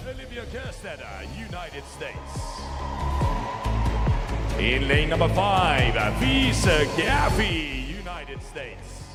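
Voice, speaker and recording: Male arena announcer, booming and pumped, swooping slow name calls, echoey PA. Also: wildly swooping pitch. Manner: drawn-out, emphatic name calls. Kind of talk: booming, pumped athlete introductions. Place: large event hall. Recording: echoey PA over loud music.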